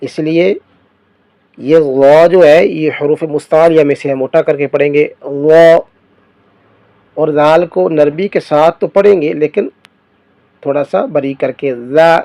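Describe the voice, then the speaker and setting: A man leads a beginner's Quran reading lesson, his fairly high voice sounding out each letter slowly and with clear stress before he explains it. The recording is dry and close, with no room sound. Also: warm tone, no echo. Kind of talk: slow recitation lesson.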